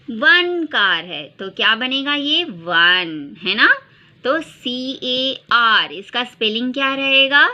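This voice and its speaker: A woman's voice: high voice, bright, forceful tone. A woman teaching English to young children, spelling words letter by letter in a sing-song way and repeating questions. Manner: repeats questions and calls the listener "beta". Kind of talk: classroom lesson for young children. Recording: dull lo-fi sound.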